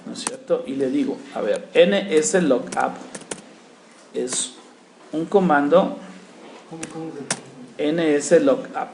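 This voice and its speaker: A man's voice: fairly high pitch, takes it slowly, pauses often, darkish tone. A man teaching a networking class, walking students through a live command-line demo and checking in with them after every step. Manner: constant check-ins with the class, talks while typing commands. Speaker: networking instructor. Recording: echoey classroom with faint room noise.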